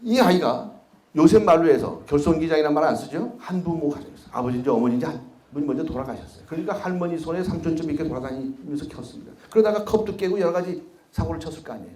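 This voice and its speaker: A man speaks in a slightly high voice, lecturing to a crowd in a roomy, echoing hall. He tells stories and keeps asking the room rhetorical questions. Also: animated, fast, a little mellow. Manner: asks the audience rhetorical questions. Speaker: speaker at a policy lecture, former prosecutor. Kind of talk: public lecture with storytelling.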